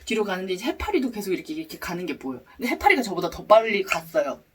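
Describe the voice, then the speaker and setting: A woman with a husky voice telling a personal story to viewers in a casual, expressive way, acting out her reactions. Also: on the low side, very fast, distant mic. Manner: expressive, acts out her reactions and sound effects.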